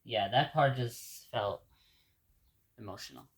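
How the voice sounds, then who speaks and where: In a slow video diary, an Ecuadorian vlogger whose first language is Spanish casually walks viewers through his day. He rambles, repeats words, and restarts sentences, speaking at an ordinary middle pitch for a man.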